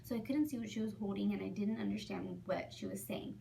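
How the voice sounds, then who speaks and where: Gravelly-voiced teen girl telling a story. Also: medium pitch, quick pace, dark tone. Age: late teens. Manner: chatty, full of "um" and "like", often drops to a near whisper. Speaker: vlogger. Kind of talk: casual story time. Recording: distant mic with faint background noise.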